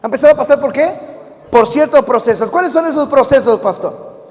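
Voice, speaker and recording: A man's voice: very high-pitched, fairly quick. A male pastor preaching a sermon, firing questions at the congregation and having them repeat lines back. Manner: lively call-and-response preaching with many questions to the congregation. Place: church hall. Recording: long reverb in a church hall.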